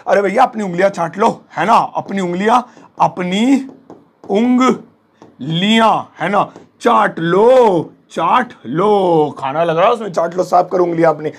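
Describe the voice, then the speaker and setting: A young man teaching English phrases in a playful, joking way, slowly drawing out his example sentences. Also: high voice, gravelly. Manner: joking, drawn-out example phrases, chatty asides. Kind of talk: playful Hindi English lesson.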